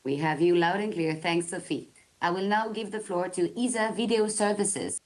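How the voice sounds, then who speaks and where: Low-voiced woman doing radio voice checks. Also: moderate pace. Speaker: agency press officer on the link. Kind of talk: procedural radio check, like a space mission communicator.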